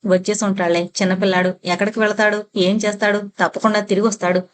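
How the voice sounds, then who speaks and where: A comforting older woman in a storybook, soothing and reassuring a worried girl, read by a woman narrator. The voice keeps a plain middle pitch. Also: level tone, quick pace, lightly acted.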